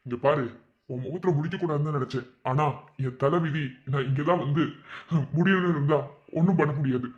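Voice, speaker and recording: A man's voice: fairly high pitch, fairly quick, darkish tone, dull audio, lightly acted. A man voicing an accused young husband in a cartoon, with a Madurai Tamil accent and curt, protesting denials.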